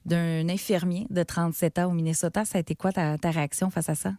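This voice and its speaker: A woman's voice: on the low side, fairly even intonation, fast, no echo, studio quality. A middle-aged woman with a Québécois accent hosts an interview podcast in a chatty, conversational way with many fillers. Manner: warm, chatty, thinks aloud with fillers. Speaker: podcast host.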